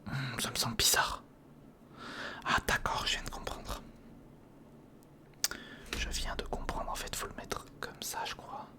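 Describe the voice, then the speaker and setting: An ASMR video host whispers commentary on a hands-on build, his mid-range voice swinging hugely in pitch at a measured pace with long pauses. He murmurs to himself while thinking through steps and talks to the viewer in a chummy, informal way.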